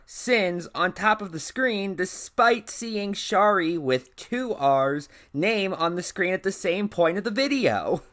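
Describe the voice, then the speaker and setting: A man narrates a critical commentary with sarcasm and exasperation. His pitch swings a lot as he lists flaws one by one, nitpicking in a mocking, dry tone. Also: pushed and bright. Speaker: commentary host.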